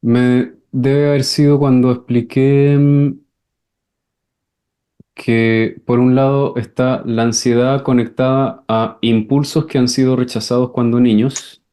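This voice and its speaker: A man's voice: mid-range voice, level tone, slow. Man teaching an enneagram class. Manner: acts out scenes with sudden shouted voices, repeats words. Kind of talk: class lecture with questions and answers.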